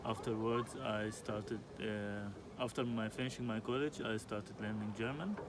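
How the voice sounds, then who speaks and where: Man from Egypt, twenties, lowish voice, street noise behind. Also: steady tone, measured pace. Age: 20s. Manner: hesitant, with fillers. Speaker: interviewee. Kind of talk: casual chat.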